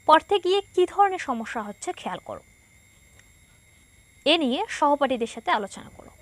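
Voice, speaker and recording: A woman's voice: high-pitched, big pitch swings, normal speed. A woman teacher with a Bangladeshi Bengali accent, giving a patient, explanatory lesson to schoolchildren and reading passages aloud.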